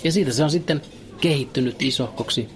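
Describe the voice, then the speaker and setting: Deadpan man telling an absurd story. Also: mid-range voice. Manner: dry, matter-of-fact storytelling with hesitant fillers. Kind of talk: deadpan absurd comic monologue.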